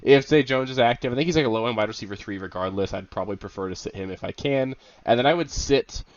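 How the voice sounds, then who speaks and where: Fast-talking man with a head cold. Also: medium pitch. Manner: upbeat, chatty, many fillers. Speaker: fantasy football analyst. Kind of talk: casual video commentary. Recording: dull lo-fi sound.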